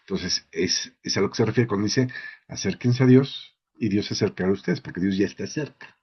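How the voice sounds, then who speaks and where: Preacher guy, low husky voice, chatty sermon, keeps asking "¿sí?", muffled lo-fi audio. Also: brisk. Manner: conversational, asks the listeners "¿sí?" often. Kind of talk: informal sermon. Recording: dull lo-fi recording.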